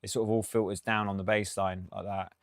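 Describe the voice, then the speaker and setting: Male producer streaming a tutorial; casual, rambling, laughs a lot, low voice. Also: flat delivery, a little fast, dry recording, studio quality. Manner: chatty, thinks aloud, laughs often. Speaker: music producer.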